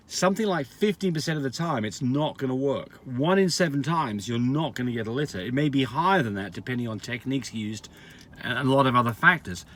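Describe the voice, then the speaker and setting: A man who breeds dogs, answering viewer questions in a casual, frank way, explaining at length with restarts and fillers. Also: mid-range voice. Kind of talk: casual advice Q&A.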